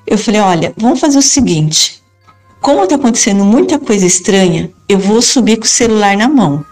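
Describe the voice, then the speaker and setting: A woman's voice: mid-range voice, lively intonation, brisk, darkish tone, faint music behind. A middle-aged woman recounting strange events at her house in a first-person spoken account, acting out the dialogue as she tells it. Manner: earnest, retells dialogue in quotes. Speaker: storyteller recounting a haunted house.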